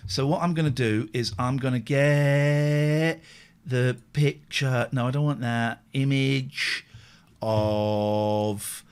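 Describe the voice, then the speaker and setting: A man hosting a live late-night streamed radio chat, animated and self-mocking. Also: mid-range voice, takes it slowly, clear, resonant tone. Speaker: host.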